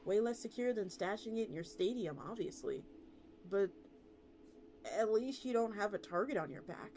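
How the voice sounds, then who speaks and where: With music playing behind her, this VTuber streamer reads a story aloud as if chatting with viewers. She speaks in an animated, slightly mellow mid-range voice at an ordinary pace.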